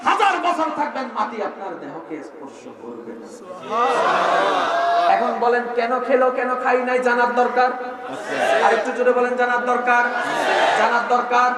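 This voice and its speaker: A man preaching a fervent sermon, often shouting and firing rhetorical questions at the crowd to draw responses. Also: very high voice, animated, normal speed, pauses often. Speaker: Islamic preacher. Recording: echoey PA sound from far off with crowd. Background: crowd of listeners.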